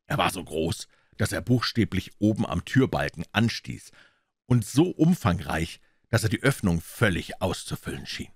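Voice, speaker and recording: A man narrating a classic detective story as an audiobook reader, in a measured storytelling delivery. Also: deep voice, very animated, slightly rough, dry recording, clean studio sound.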